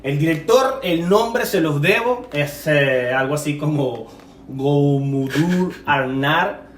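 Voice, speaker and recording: A man co-hosting a relaxed film-chat podcast, wandering through his points and stumbling over words. He sits back from the microphone in an echoey room. A faint hiss runs under his voice. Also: on the high side, a little slow, recorded from a distance. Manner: rambling, self-correcting, laughs often. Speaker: podcast co-host. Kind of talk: casual film-discussion podcast.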